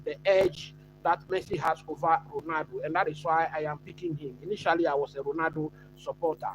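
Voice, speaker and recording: A man from Ghana hosting a live football watch-along, chatting casually and answering viewers with many pauses and fillers. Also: high-pitched, low-quality recording. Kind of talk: live stream football chat.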